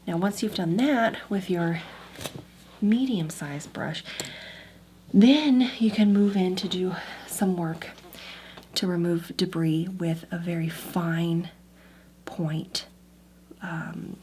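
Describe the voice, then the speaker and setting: A woman doing an ASMR role-play as an antiques appraiser, giving gentle step-by-step instructions and softly repeating words. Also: lowish voice, takes it slowly, pauses often, a little hiss or hum.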